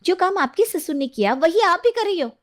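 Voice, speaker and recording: Lady doing a shrill bickering young wife for a cartoon, way higher than her normal voice. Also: very animated, fairly quick. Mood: accusing. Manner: high, complaining accusations. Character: young married woman, sharp-tongued and quarrelsome. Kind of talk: cartoon story voice acting.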